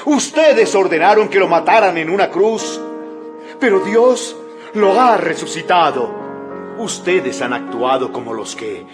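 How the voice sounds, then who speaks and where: An actor playing the bold apostle Peter in a dramatized audio Bible, declaiming fervently and emphatically. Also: male voice, high voice, expressive, unhurried. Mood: bold, accusing. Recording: music bed behind the voice.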